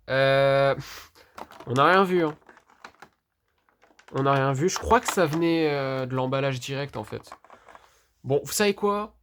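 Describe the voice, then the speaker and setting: A vlogger unboxing a toy figure in a casual, hesitant way, thinking aloud, talking straight to viewers and filling pauses with hesitations. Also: mid-range voice. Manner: hesitant, puzzled, fills pauses with "euh" and "du coup".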